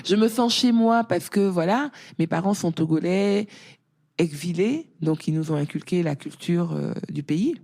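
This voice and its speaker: A middle-aged woman guest talking casually in an interview, a lively storyteller whose voice rises when she quotes others. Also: lowish voice, a little slow. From France.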